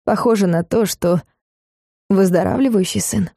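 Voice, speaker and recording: A woman reading an audiobook in an even, measured manner. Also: medium pitch, gravelly, no echo, clean studio sound. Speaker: audiobook narrator. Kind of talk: scripted audiobook narration.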